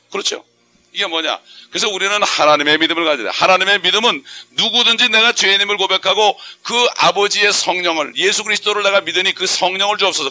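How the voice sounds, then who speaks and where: Fast, bright-voiced male preacher. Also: a little high. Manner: conversational preaching with frequent rhetorical questions. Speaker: pastor. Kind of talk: sermon.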